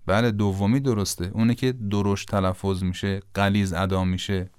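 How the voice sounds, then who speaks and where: Low, smooth-voiced male pronunciation teacher. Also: flat delivery, a little mellow, dry recording, studio quality. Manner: deliberate, repeats words to demonstrate sounds. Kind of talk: Quran recitation lesson.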